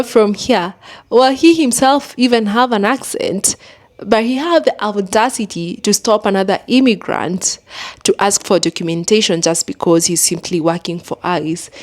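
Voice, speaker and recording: A woman delivers reaction commentary with an earnest, indignant edge. She lays out her argument point by point in a mid-range voice. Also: mid-range voice.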